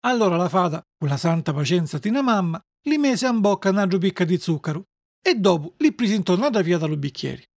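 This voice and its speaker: A storyteller reading a children's tale aloud in a dialect, in an expressive, lilting way. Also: medium pitch, quick pace, no echo, clean studio sound.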